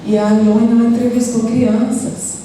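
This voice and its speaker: A woman's voice: on the high side, little pitch movement, moderate pace, dark tone. A Brazilian woman on an academic panel, talking in a reflective way with many hesitations and tag questions. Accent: Brazilian Portuguese. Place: university amphitheater. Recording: echoey hall, distant mic, faint noise.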